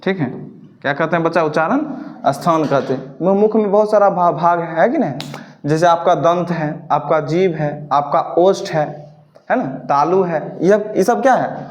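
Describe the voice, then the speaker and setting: A man with a fairly high-pitched voice teaches a classroom grammar lesson. He poses each question, repeats it and answers it himself in a steady call-and-response rhythm. He slows down to dictate definitions for the class to copy. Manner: slow, dictating pace for note-taking. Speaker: Sanskrit teacher.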